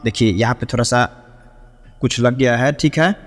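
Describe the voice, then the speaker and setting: A man teaching Vedic chanting, who explains pronunciation in quick bursts and then chants Sanskrit mantras slowly and melodically. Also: medium pitch, little pitch movement, in a large hall. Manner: checks in often with short affirmations.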